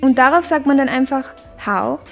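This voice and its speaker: A woman giving an explanatory language lesson, deliberately sounding out syllables and tones. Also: a little high, loud music behind the voice. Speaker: language teacher.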